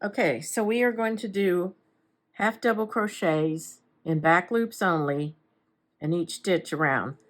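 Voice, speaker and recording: Woman, lower register, casual crochet instructor; narrates while working, easygoing and chatty. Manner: unhurried, talks while working with her hands; chatty asides and self-corrections. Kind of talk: casual step-by-step craft tutorial.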